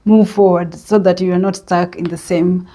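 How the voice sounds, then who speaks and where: A woman from Kenya with a Kenyan accent, talking in a reflective personal vlog and pausing often to think. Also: on the low side, flat delivery, mellow. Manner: unhurried and reflective, with many hesitant pauses and fillers. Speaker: vlogger.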